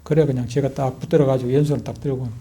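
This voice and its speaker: A man's voice: mid-range voice, rapid-fire. A middle-aged man, a pastor preaching a sermon and telling stories animatedly. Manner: animated storytelling, acting out scenes with loud outbursts. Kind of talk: sermon with personal storytelling.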